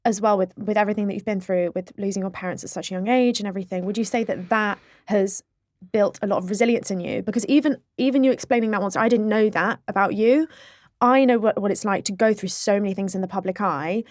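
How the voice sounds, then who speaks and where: Young woman as interview host, mid pitch, attentive with lots of backchannels, dry studio sound. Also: fast talker, darkish tone, dry recording. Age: young adult. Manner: supportive, frequent short backchannels. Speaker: podcast host. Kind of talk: interview conversation.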